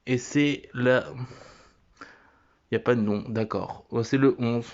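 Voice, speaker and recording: A man casually showing and naming his items one by one, talking haltingly with many fillers and restarts. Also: medium pitch, dull audio. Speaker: vlogger. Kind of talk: casual show-and-tell.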